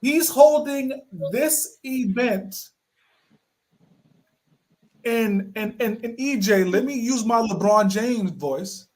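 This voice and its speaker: A man's voice: extremely high pitch, lively intonation, slow, long pauses, a little mellow. A man hosting a wrestling podcast, leading his panel with an emphatic, showman-style delivery. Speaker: podcast host. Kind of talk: casual podcast chat.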